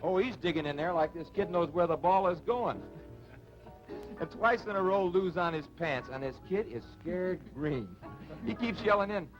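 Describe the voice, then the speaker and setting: An actor playing a ballplayer eagerly telling a dugout story in a 1950s TV drama. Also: male voice, high-pitched, normal speed. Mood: animated. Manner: animated, lively storytelling. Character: animated, story-telling male ballplayer teammate. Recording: dull old TV broadcast with music.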